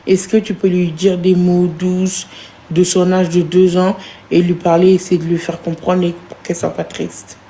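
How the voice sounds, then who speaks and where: A woman live streaming in casual chat, cooing doting baby talk and breaking into wailing, sob-like high notes. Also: level tone, moderate pace, mellow, reverberant, slight background noise.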